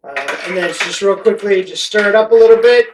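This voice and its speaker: A man's voice: sits high, animated, brisk, slight background noise. A middle-aged American man from Connecticut chatting casually and explaining things in a rambling, conversational way as a vlog host. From Connecticut, United States. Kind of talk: casual explainer chat to camera. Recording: roomy echo, distant mic.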